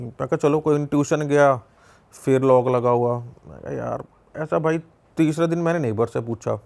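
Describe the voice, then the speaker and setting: A young man with a Punjabi accent tells a story as a guest on a talk show. His voice has a gravelly, creaky edge and sits at an ordinary pitch. He talks loosely, acting out the dialogue and circling back over his words. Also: darkish tone. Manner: conversational, retells dialogue with many repetitions and fillers. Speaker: podcast guest. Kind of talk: casual storytelling.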